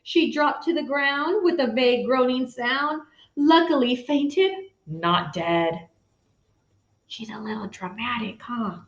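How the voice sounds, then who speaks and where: Speaking to young listeners, a children's story reader in her thirties performs an expressive picture-book read-aloud, slowly and in a voice on the high side. She dramatizes the story and slips in asides, and the recording sounds dull with an echoey room.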